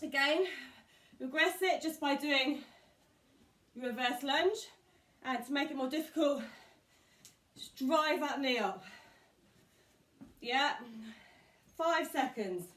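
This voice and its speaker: A woman's voice: sits high, animated, slow pace, pauses often, fairly bright tone, distant mic. A woman coaching a home workout, encouraging and counting down the seconds, out of breath. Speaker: fitness coach. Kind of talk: workout instruction. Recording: roomy sound from away from the mic.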